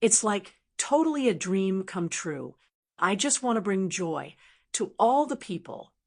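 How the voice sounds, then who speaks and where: A woman voicing a ditzy young female model who coos in a breathy voice. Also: mid-range voice, big pitch swings, unhurried, a little mellow. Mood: cooing.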